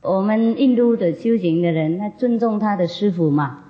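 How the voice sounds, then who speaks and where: A woman's voice: mid-range voice, normal speed. A woman spiritual teacher telling a story to an audience in a folksy, chatty way, often laughing. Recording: dull lo-fi recording.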